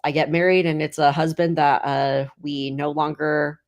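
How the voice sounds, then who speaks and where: A woman's voice: low-pitched, little pitch movement, moderate pace. A woman in her thirties, a guest comedian, chatting casually and rambling with lots of "like.". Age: 30s. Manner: rambling, heavy filler "like". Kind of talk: casual chat.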